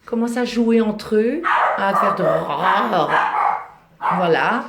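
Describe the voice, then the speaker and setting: A woman's voice: mid-range voice, slow pace, heavy background noise. A woman filming a litter of puppies on her phone at home, explaining who is who and cooing fondly at them. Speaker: dog breeder showing a litter of puppies. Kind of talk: casual phone video commentary. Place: indoors at home, near a radiator. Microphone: phone held in hand.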